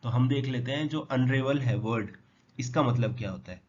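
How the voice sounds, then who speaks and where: A man teaching English vocabulary, who asks his students questions and answers them himself, spelling words out slowly. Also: mid-range voice, a little mellow. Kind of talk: explanatory lesson. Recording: dull lo-fi sound with faint noise.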